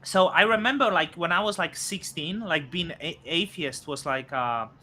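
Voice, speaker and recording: A man in his thirties hosts a loose crypto chat, his voice very bright and a touch high. He talks in halting bursts, full of fillers and restarts. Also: a little hiss or hum. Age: 30s. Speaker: host. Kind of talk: casual crypto podcast chat.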